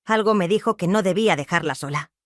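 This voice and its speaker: A woman narrating a first-person dramatic story in a hushed, suspenseful, emotional way. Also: lowish voice, quick pace, no echo, studio quality.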